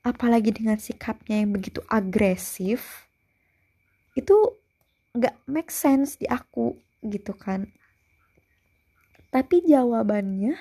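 A young woman tells a story in a casual monologue. Her voice sits fairly high, with a husky, gravelly edge, and she takes her time. She sounds heated and exasperated and swears freely. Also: warm tone.

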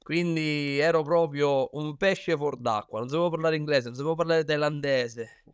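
A man with a Sicilian accent and a smooth, slightly high voice tells his own story as an interview guest. He talks in a casual, colloquial, self-deprecating way, recorded close and dry. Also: normal speed, dry recording. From Sicily, Italy. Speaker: interview guest, professional Muay Thai fighter.

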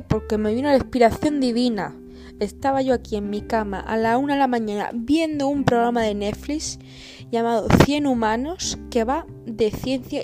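A woman from Spain with an Andalusian accent, rambling and swearing freely through an improvised solo podcast rant. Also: a little high. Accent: Andalusian Spanish. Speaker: podcast host. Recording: guitar music playing behind the voice. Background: guitar music.

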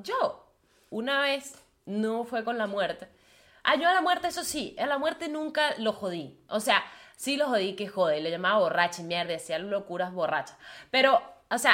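A young woman with a Venezuelan Spanish accent talks straight into her podcast, blunt and profane, leaning on constant "o sea" fillers. Her voice sits a touch high and rings bright and sharp. It is casual, confessional monologue delivery. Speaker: podcast host.

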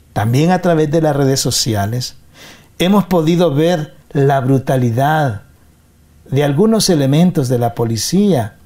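Mellow-voiced man presenting a workshop. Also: fairly high pitch. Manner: explanatory, poses rhetorical questions. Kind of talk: informal lecture over a video call.

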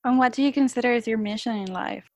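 A Puerto Rican woman with a Spanish accent asks interview questions in earnest, now and then hunting for the right word. Her voice sits fairly high with a darkish tone, she talks quickly, and the recording has no echo.

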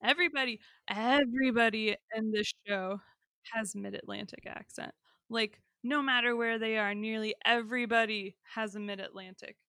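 A woman's voice: on the high side, fairly even intonation, normal speed, bright, forceful tone, no echo, studio quality. A woman co-hosting a podcast, chatting casually with joking, self-deprecating asides. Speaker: podcast co-host. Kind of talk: casual chat.

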